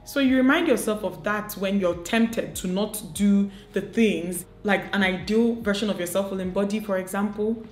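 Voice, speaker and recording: A beauty and lifestyle vlogger speaks to camera at a moderate pace in a medium-pitched voice, giving earnest, coaching motivational advice and asking lots of rhetorical questions. Soft music plays in the background, and the room sounds echoey.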